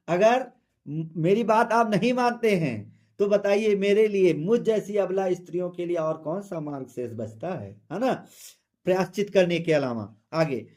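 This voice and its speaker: High-voiced man teaching Hindi verse. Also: a little mellow. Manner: recites verse lines slowly, then explains them plainly. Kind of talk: poem explanation lesson.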